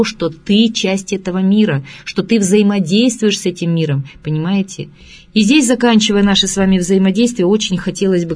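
A woman's voice: mid-range voice, a little mellow. A woman speaking to radio listeners as an expert, earnest and lecturing, asking many rhetorical questions. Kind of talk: radio talk on child psychology.

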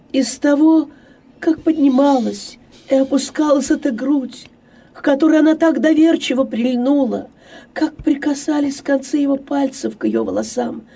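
A narrator giving a slow, expressive reading of a classic novel. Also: medium pitch, gravelly, breathy edge, distant mic.

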